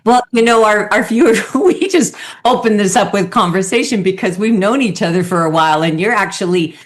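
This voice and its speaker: A woman's voice: medium pitch, lively intonation, a little fast. A woman hosting an interview and coaching, chatty and encouraging as she talks with her guest. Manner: encouraging, chatty, laughs often. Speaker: host, coach. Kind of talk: interview conversation.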